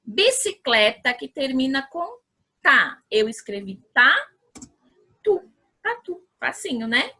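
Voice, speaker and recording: A lively Brazilian primary school teacher with a Brazilian Portuguese accent gives a remote lesson to young children. Her voice is high, bright and slightly rough. She's patient and encouraging, sounding out syllables slowly and checking in with the kids often.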